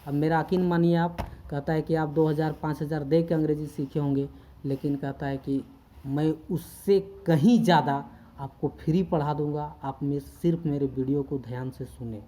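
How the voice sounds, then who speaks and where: Man, English tutor, warm mellow tone, repeats words for drills, phone-recorded lesson. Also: a little high, fairly even intonation, moderate pace, low-quality recording. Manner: earnest, repetitive, drills words aloud for pupils to repeat. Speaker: English teacher. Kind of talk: spoken English lesson over a screen recording. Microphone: screen-recorder phone mic.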